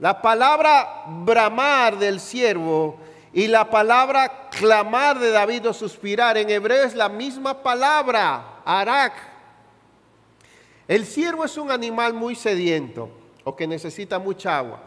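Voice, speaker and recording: A pastor speaking with a Chilean Spanish accent gives a sermon in a church hall full of reverb, his voice sitting high with lively intonation. He quizzes the congregation and builds to sudden shouted peaks on slowly stressed words.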